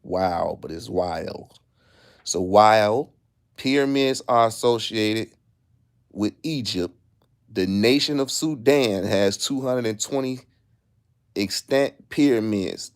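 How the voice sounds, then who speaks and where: Chicago-accented man, livestream host; boastful, profane street talk, mid-pitched, casual rant. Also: takes it slowly. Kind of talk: casual live commentary.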